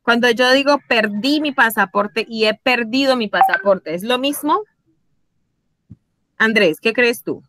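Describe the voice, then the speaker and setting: Teaching English online, a woman with a slightly high, somewhat bright voice speaks at a measured pace and patiently keeps asking her students questions to check on them. The recording is dry.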